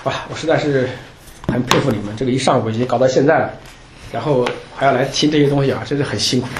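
Brief: fast, jokey Bible class leader, lively delivery, echoey room. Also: mid-range voice, background noise. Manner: chatty, joking, laughs often, many restarts. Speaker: Bible study teacher. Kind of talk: informal Bible class talk. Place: church meeting room with a group. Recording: roomy room echo.

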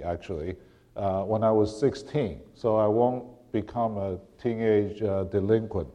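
A middle-aged man preaches a sermon in a low, mellow voice. He often stops, restarts his phrases and clears his throat. The recording sounds dull and lo-fi. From Taiwan. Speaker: guest preacher.

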